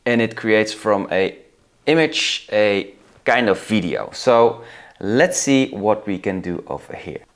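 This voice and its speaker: A middle-aged man with a Dutch accent casually walking through software on screen, thinking aloud. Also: lowish voice, slow. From Netherlands. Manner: relaxed, thinking aloud, laughs at results. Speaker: video host. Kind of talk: casual screen-recording tutorial.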